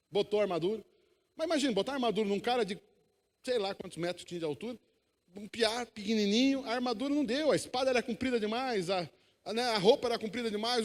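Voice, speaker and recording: A man preaching a sermon, emphatic, calling the congregation to repeat after him. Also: very high-pitched. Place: church hall. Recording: long echo of a church hall.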